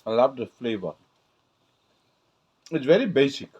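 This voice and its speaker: A man's voice: medium pitch, big pitch swings, a little mellow, slightly rough. Man tasting steak. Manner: enthusiastic, halting while chewing. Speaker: host. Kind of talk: casual food tasting.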